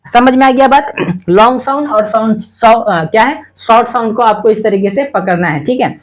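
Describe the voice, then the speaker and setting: A man teaching a lesson at a board, who asks his own questions, answers them, and spells words out slowly letter by letter. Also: extremely high pitch. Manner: repetitive and patient, checks understanding often. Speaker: spoken English teacher.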